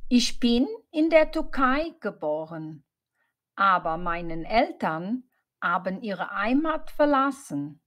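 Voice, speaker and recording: A woman voicing a male student in a slow scripted learner dialogue, telling his story plainly. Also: mid-range voice, big pitch swings, fairly bright tone.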